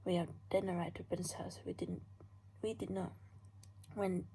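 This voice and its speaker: A woman reading her own story aloud in a hushed, breathy half-whisper, often stumbling and restarting lines. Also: on the low side, level tone, moderate pace, low-quality recording.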